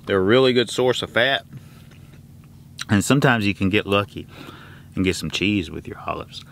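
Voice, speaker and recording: A chatty, lively trucker vlogger in his 40s talks straight to a close handheld camera in a casual, folksy cooking vlog, first from his truck's sleeper cab and later outside at a fuel stop. His voice is on the low side, creaky, and at normal speed. Loud truck and road noise fills the background.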